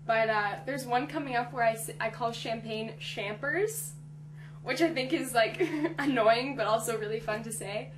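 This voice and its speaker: A woman's voice: fairly high pitch, normal speed, background noise. A young woman, an actress, chatting casually in an interview, talking in a chatty, giggly way full of "like.". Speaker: actress on a teen drama. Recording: distant mic.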